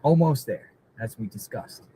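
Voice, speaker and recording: A man chats casually to a livestream while riding in a car. He rambles and circles back to repeat himself. It sounds like dashcam audio, with clear vehicle noise around the voice. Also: mid-range voice, animated, moderate pace, warm tone, low-quality recording. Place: inside a moving car.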